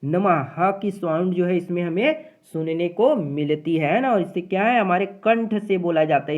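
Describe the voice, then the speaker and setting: Step-by-step exam-prep teacher, middle pitch, thin phone-line quality. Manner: explains step by step, often adds tag questions. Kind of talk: exam-prep grammar lesson. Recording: phone-like narrow audio.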